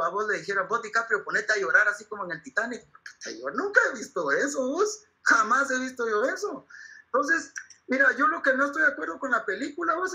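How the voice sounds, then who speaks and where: A man's voice: very high voice, pushed and bright, low-quality recording. Rambling, profane Guatemalan man. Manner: rambling, profane, keeps saying "vos". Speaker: interviewee, actor of the film. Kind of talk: crude comedic slang-heavy rant.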